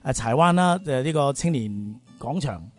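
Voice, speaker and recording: A man's voice: mid-range voice, expressive, moderate pace, faint music behind. A man with a Hong Kong Cantonese accent hosting a radio interview in a chatty, colloquial way, with long-winded questions. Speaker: radio show host. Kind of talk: conversational interview.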